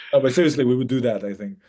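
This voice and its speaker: Speaking colloquial English in a relaxed interview, a French filmmaker, a native French speaker, explains his points and acts out what someone might hypothetically say. His voice is mid-range and mellow.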